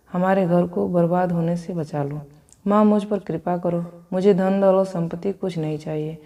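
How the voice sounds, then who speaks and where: A devout young wife in sorrow, as a woman narrator puts her on, pleading in prayer. The voice is lowish and mellow. She fits a devotional storybook reading. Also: recorded from a distance.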